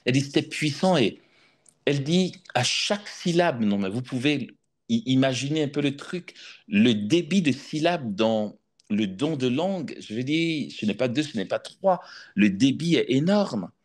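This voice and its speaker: French preacher telling a deliverance story. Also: male voice, medium pitch, animated. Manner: storytelling, measured and cautious, many hesitations; rising to emphatic preaching. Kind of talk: sermon with personal testimony.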